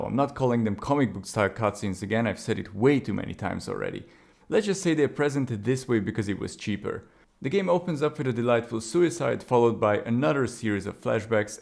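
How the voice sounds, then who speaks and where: A man's voice: mid-range voice, gravelly, a little mellow. A man narrating a scripted video game review, opinionated and with wry asides.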